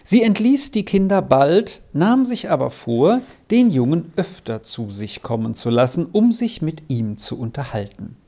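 An audiobook narrator reading a children's novel with expressive, unhurried storytelling. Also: mid-range voice.

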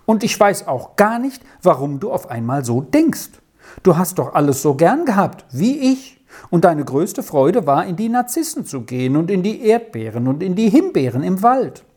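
A woman voicing a gentle, easily frightened young girl in a children's story, pleading anxiously. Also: fairly low pitch, very animated, normal speed, breathy edge. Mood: earnest.

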